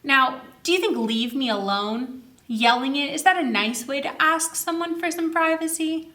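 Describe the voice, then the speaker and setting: Reading a picture book at a children's story time, this woman has a high-pitched, reverberant voice. She delivers the story expressively and with exaggerated slowness, pausing to ask her young listeners questions.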